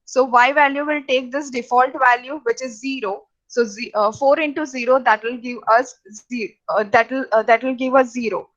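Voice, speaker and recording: A woman teaching programming over slides, talking in a halting way with many fillers and restarts. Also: a little high, fairly even intonation, a bit bright. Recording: dull lo-fi recording.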